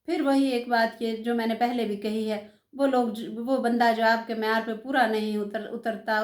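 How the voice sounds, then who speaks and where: A woman's voice: on the high side, echoey room. An older woman giving earnest, emphatic advice to her viewers in a casual talk. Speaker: advice vlogger.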